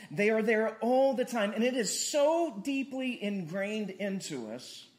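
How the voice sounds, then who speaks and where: Pastor guy preaching, high voice, chatty and lively, jokes with the crowd. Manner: lively, conversational, jokes with congregation. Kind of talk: sermon.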